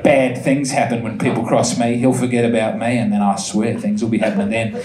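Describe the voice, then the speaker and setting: A man doing a gruff, abrasive bus woman. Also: lowish voice, little pitch movement, fairly quick, echoey room, a crowd in the background, pitched below the performer's own voice, close to an everyday voice. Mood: menacing chatter. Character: abrasive foul-mouthed small-town woman on a bus.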